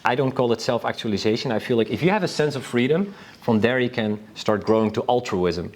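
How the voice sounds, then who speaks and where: Speaking a little fast at a medium pitch, this Northern European man is a panelist in a casual conference talk. His delivery is eager and meandering, with frequent sentence restarts.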